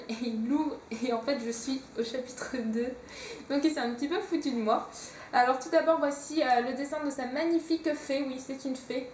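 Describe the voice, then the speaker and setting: Chatty young woman with a high voice. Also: a little mellow, far from the mic, slight background noise. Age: young adult. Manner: chatty, hesitant with many fillers. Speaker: book vlogger. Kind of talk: casual chat. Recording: echoey room, a bit off-mic.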